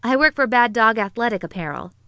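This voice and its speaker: A woman's voice: fairly high pitch, animated, a little fast, fairly bright tone, no echo, studio quality. A woman voicing a composed middle-aged businesswoman who speaks poised and a little guarded.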